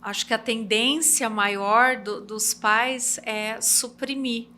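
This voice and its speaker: A woman's voice: on the high side, steady tone, slow, pushed and bright, slight background noise. A woman hosting an interview podcast, asking questions hesitantly and searching for words. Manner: hesitant, searching for words, many "uhum" backchannels. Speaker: podcast host.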